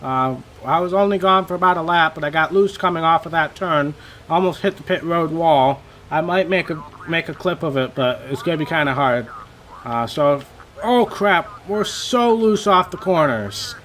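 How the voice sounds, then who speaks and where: A young man giving casual, rambling commentary over his racing game, a little hoarse and self-deprecating, with many fillers. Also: on the high side, moderate pace, fairly bright tone, slight background noise. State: slightly losing his voice. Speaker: gaming channel host.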